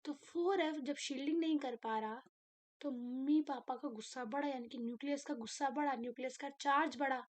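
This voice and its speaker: A young woman teaching a chemistry lecture, animated and asking her own questions before answering them. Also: sits high, a little fast. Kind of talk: classroom lecture.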